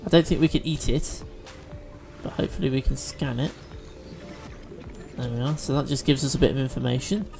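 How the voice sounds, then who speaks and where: A man's voice: medium pitch, brisk, gravelly, long pauses, a little mellow, faint music behind. A man chatting through a video game as he plays, thinking aloud with fillers and restarts. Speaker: let's play host. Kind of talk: gameplay commentary.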